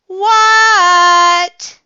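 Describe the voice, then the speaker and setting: A woman voicing an excitable, noisy little boy frog in a storybook, shrieking her exclamations. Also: extremely high pitch, extremely slow, voice pushed up, full character voice. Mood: excited. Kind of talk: storybook character voice. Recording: slightly muffled dry recording.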